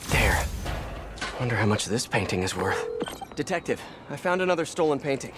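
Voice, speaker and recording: A man's voice: medium pitch, big pitch swings, moderate pace, very noisy, natural voice. A man playing a young, wisecracking superhero in a video game, with a playful, eager, wry way of talking. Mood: focused. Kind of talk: video game voice acting, quippy banter.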